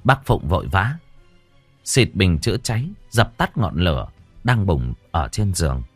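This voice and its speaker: Male horror narrator, low voice with wild swings, dry sound, faint music under. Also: slightly rough, no echo. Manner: dramatic, swinging intonation. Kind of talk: audiobook horror story narration.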